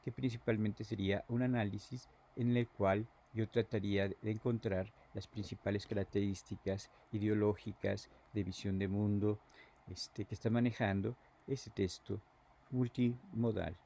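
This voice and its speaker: A man giving a lecture as a teacher, halting and repeating words, often filling pauses with "este". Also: on the low side, fairly even intonation, dark tone.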